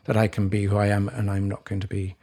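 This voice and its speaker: Gravelly, husky man speaking reflectively. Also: on the low side, little pitch movement, dark tone. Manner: halting and searching, with many restarts. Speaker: podcast co-host. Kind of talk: reflective conversation.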